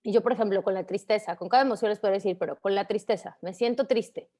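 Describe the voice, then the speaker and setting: A woman in her thirties with a Mexican Spanish accent, a counselor gently giving advice on grief and repeating phrases for emphasis. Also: medium pitch, fast talker. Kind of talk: warm explanatory advice talk.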